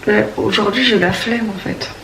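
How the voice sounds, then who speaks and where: A young woman from around Paris chats to camera at home with a sore throat, wandering off mid-sentence and restarting often. Her voice sits at an ordinary pitch and sounds distant from the mic. The room rings with echo under a faint background hum. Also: steady tone, moderate pace. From Paris region, France. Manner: rambling, hesitant, many restarts and fillers. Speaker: vlogger. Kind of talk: casual morning chat to camera. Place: at home, indoors.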